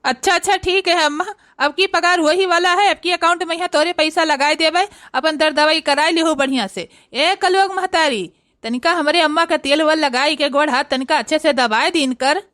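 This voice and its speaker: A woman's voice: high-pitched, moderate pace, a bit bright. A woman voicing a dutiful adult son who soothes his mother in a cartoon, with an Awadhi accent. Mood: reassuring. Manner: soothing, reassuring. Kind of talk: comic cartoon dialogue.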